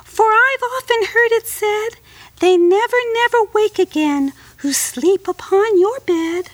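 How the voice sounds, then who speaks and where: A woman voicing a small, timid female fly in a storybook reading, with a high, crying, pleading manner. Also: measured pace, dry recording, rough recording.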